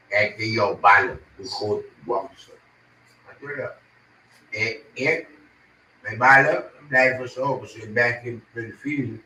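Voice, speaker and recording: A man's voice: lowish voice, bright, forceful tone. Agitated man ranting in a roomy space. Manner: agitated, ranting, repeats himself. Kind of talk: angry monologue to camera. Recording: roomy, distant from the mic, faint noise.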